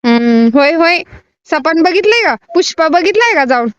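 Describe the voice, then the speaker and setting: A woman's voice: very high voice, lively intonation, normal speed, dry recording, muffled recording. A woman with a Marathwada Marathi accent making a prank call, bantering casually with cheeky, scolding retorts. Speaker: prank caller, vlogger.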